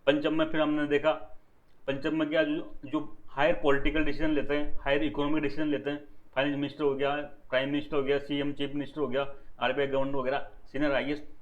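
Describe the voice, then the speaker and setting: Fairly high-voiced man teaching economics. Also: flat delivery, fast talker, highs cut off. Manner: asks the class questions and answers them himself; mixes English terms into Hindi, repeats key words. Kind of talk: lecture.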